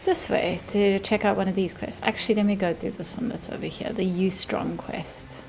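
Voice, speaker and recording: A woman's voice: medium pitch, steady tone, normal speed, gravelly, a little mellow, faint music behind. A woman giving casual commentary while playing a game, muttering short asides to herself. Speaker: game player.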